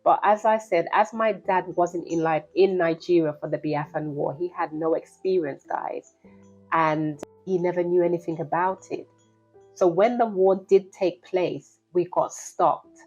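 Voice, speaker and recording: A woman's voice: on the low side, measured pace, a little mellow, dull audio, soft background music. A woman, telling a personal story to her vlog viewers in an earnest, direct way and calling them "guys". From Liberia. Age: 50s. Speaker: vlogger.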